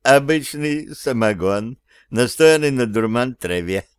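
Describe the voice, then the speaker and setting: Man reading as a naive young prince in an audiobook, earnest and convincing, slow and clear. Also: medium pitch, lively intonation, no echo, clean studio sound, lightly acted.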